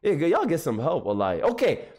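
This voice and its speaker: A man's voice: on the high side, quick pace, slight background noise. A young man streaming live, chatting casually with his viewers and repeating himself as he reacts. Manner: animated, talks to chat, repeats himself.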